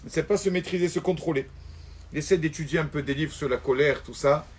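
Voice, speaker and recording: A man giving a sermon as a rabbi, mixing in Hebrew terms and repeating phrases for emphasis, moving between loud stresses and soft asides. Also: a little high, fast talker, slight background noise. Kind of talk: sermon told as a story.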